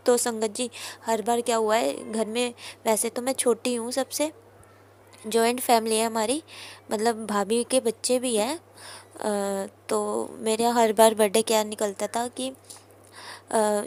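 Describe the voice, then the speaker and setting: A woman's voice: a little high, steady tone, slow, a little mellow. A young woman earnestly recounting a personal testimony to a congregation, often turning to address her listeners directly. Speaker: devotee sharing a testimony.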